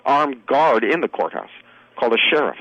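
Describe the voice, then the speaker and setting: A man guest on a radio show, speaking over the phone in an earnest, halting way with many fillers. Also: mid-range voice, big pitch swings, a bit bright, dull audio. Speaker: political candidate guest.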